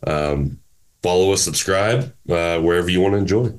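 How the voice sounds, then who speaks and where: A man co-hosting a sports podcast, chatting casually in a measured, matter-of-fact way. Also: low voice. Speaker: podcast co-host.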